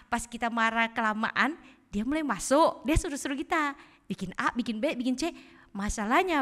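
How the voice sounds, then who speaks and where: A woman preacher giving a lively sermon in a church, quizzing the congregation with playful asides. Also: on the high side. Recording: echoey church hall.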